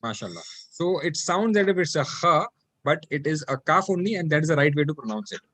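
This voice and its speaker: A man teaching an online Arabic class, patiently repeating phrases slowly for his students. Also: a little high, sing-song, fairly bright tone, no echo.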